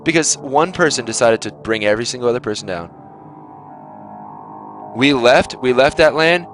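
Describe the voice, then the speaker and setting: A man's voice: mid-range voice, animated, moderate pace, a bit bright, soft background music. A young man giving his gaming team a blunt, lecturing talk on their attitude, swearing freely. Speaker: team captain.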